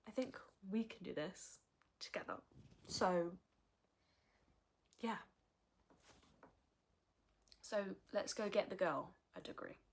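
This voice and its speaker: A woman's voice: mid-range voice, animated, slow pace, long pauses. A woman, talking frankly and earnestly in a personal vlog. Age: early 20s. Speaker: vlogger. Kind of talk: candid personal vlog talk.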